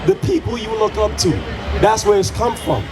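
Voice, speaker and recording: Forceful Jamaican-born street preacher. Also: male voice, sits high, animated. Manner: forceful, lecturing, rapid questioning, often shouting. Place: city street outdoors. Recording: loud crowd and music outdoors.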